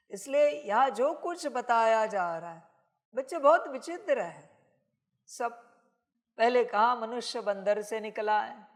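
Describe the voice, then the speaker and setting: A woman giving a channeled sermon, speaking as a divine father to her children, scolding them with emphatic rhetorical questions. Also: fairly high pitch. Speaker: spiritual messenger.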